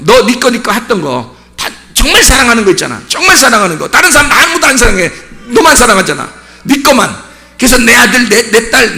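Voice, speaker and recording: A male pastor delivering a sermon in a very high, lively voice that leaps up and down in pitch. His tone is bright and forceful, and he hammers home each point with rhetorical questions. Now and then he breaks into a shout. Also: vocal fry. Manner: emphatic preaching with repeated rhetorical questions; bursts into shouting on key points.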